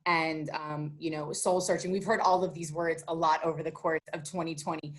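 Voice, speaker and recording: A woman radio host chatting casually and warmly in an interview, full of fillers and enthusiasm. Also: sits low, little pitch movement, normal speed.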